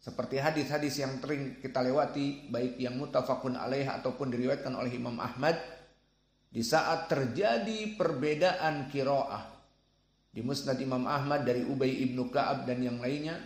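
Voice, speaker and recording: A man giving a religious lesson, speaking slowly and deliberately and sounding out Arabic syllables. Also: mid-range voice, roomy sound. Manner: slow, deliberate, demonstrates Arabic sounds aloud. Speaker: Quran recitation teacher.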